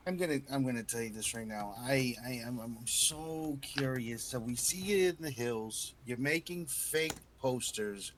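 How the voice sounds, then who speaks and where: A man's voice: medium pitch, a little slow, few pauses, slight background noise. A man playing a tabletop game in character, brash, crude and confrontational. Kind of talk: in-character role-play.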